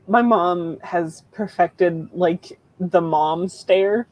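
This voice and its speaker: A woman's voice: fairly low pitch, drawn-out words, a little mellow. A woman co-hosting a live writing stream, telling stories casually and laughing often. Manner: laughing, anecdotal storyteller. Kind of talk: casual chat.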